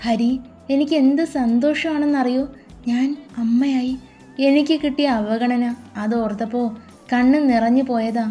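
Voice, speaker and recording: A woman voicing a young wife who is sweet and easily moved, speaking in a soft, emotional voice. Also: on the high side, fairly even intonation, unhurried, soft background music, natural voice.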